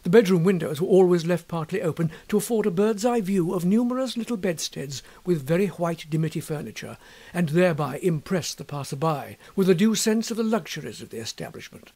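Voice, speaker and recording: A man reading a classic story aloud in a wry, measured narrating style. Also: high-pitched, lively intonation, mellow. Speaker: audiobook reader.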